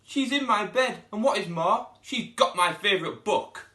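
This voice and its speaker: A small, indignant storybook bear cub acted out by a man, pitched well up and loudly complaining. The sound is bright, in an echoey room. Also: lively intonation, moderate pace, recorded from a distance. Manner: loud, complaining, exclaiming.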